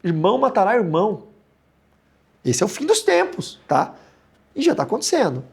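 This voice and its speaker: Animated, gravelly pastor. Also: male voice, normal speed. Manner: animated, joking, jumps into high mocking tones. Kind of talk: humorous Bible study teaching.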